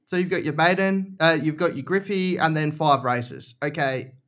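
A man's voice: a little high, normal speed, a bit bright. A man chatting casually as a podcast guest, explaining things informally and repeating short phrases for emphasis. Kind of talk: casual chat.

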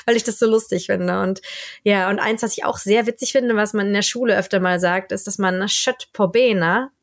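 A woman's voice: mid-range voice, steady tone, a little fast. A woman who teaches and lives in northern Sweden, chatting casually on a podcast, laughing often and imitating sounds. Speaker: podcast co-host. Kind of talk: casual chat.

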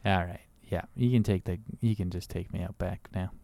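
A man co-hosting a movie podcast, blunt and opinionated, going from flat mutters to loud outbursts. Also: sits low, a little fast, vocal fry, no room sound. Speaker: podcast co-host. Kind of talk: casual movie chat.

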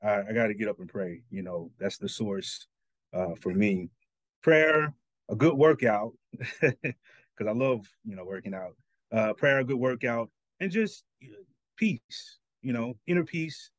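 A man's voice: lowish voice, measured pace, dry recording. Earnest man searching for words. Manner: earnest, repeats himself while searching for words. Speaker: guest. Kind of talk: casual talk-show chat.

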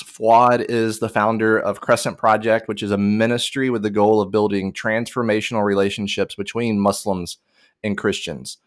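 A man's voice: fairly low pitch, no echo, clean studio sound. A man co-hosting a podcast, introducing a guest with enthusiasm. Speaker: podcast co-host.

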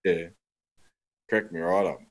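A man's voice: low voice, fairly even intonation, measured pace. A man with a broad New Zealand accent telling casual anecdotes on a podcast in a slangy, sweary, blokey way. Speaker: podcast co-host.

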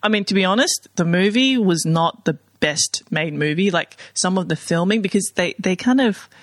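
A man chatting casually as a podcast co-host, a little higher-pitched than most men. He rambles through his points, full of fillers. The recording is dry, with no room sound. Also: lively intonation, normal speed, fairly bright tone, dry recording. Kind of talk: casual chat.

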